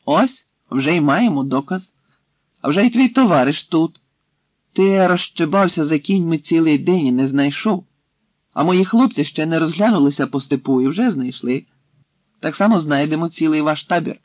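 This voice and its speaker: A man's voice: a little high, animated, normal speed, dry recording, pitched above the performer's own voice. A man voicing a stern Cossack leader who questions and threatens a captive in a commanding way, in a dry, slightly dull recording.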